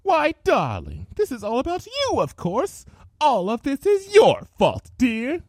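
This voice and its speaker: A woman's voice: high voice, huge pitch swings, a little slow, a little mellow, dry recording, studio quality, voice pushed up, exaggerated voice. A woman voicing a cruel, vain female unicorn pony with an affected posh drawl. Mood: cold, haughty.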